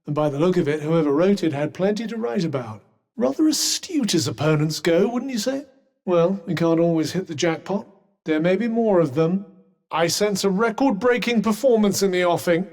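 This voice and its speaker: This is scripted dialogue for a video game companion, a sardonic, erudite sentient magical cuff played by a British man. He sounds high-pitched yet darkish, animated, at normal speed, formal and drily condescending with a wry, observant mood, and the recording carries long echoing reverb.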